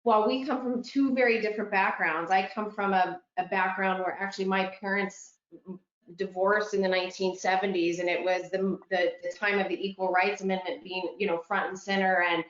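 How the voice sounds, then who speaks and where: A woman's voice: mid-range voice, steady tone, a little fast, reverberant, highs cut off. An American woman speaking thoughtfully, with some hesitation, in a casual panel chat over a video call. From United States. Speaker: guest executive.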